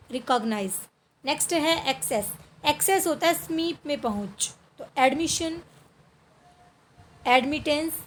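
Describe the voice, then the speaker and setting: A woman's voice: high voice, slight background noise. An Indian woman teaching a vocabulary lesson to children, reading out word lists and talking to her pupils in a patient, repetitive way. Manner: repeats word lists, calls pupils "beta" and "bachche".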